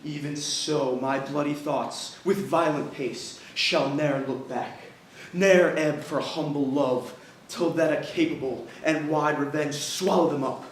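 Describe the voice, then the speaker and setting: A man acts out a betrayed, vengeful husband in a stage monologue, fierce and anguished. The delivery is slow and declamatory, in a fairly high male voice echoing through a hall. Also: steady tone, natural voice. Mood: furious. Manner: declamatory, with sudden outbursts. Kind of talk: dramatic stage monologue recitation. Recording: echoey hall, distant mic, faint noise.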